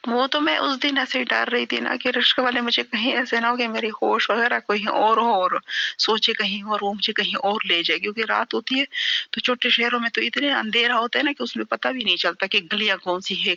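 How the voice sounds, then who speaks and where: Gravelly-voiced woman telling a painful story. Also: a little high, steady tone, dry recording. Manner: halting and rambling, with soft breathy stretches. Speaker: interviewee sharing a personal trauma story. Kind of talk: emotional personal storytelling. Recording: dull lo-fi recording.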